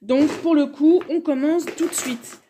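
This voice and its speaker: A woman's voice: high-pitched, steady tone, a little slow, mellow, a little hiss or hum. Chatty woman rambling through a haul. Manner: chatty, rambling, many fillers and restarts. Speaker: vlogger. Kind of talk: casual haul video chat.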